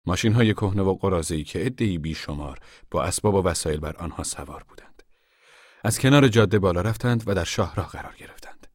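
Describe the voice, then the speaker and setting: A man narrating an audiobook in a measured, even storytelling manner. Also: low voice, no room sound, clean studio sound.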